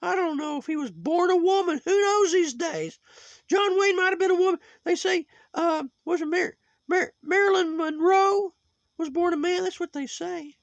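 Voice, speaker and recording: A high, reedy sock puppet with a crackly, gravelly edge lectures on and on, moralizing in a judgmental ramble. The sound is dry and close, with no room around it. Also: male voice, normal speed, dry recording, lo-fi sound. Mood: preachy. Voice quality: high put-on voice.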